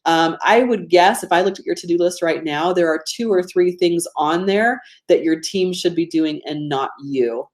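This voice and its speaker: Georgia southern lady running a casual online class, lowish voice, chatty, pokes fun at herself. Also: normal speed, few pauses. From Georgia, United States. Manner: chatty, self-deprecating, often checks in with listeners. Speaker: host of a live online productivity training. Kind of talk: informal webinar teaching with audience interaction.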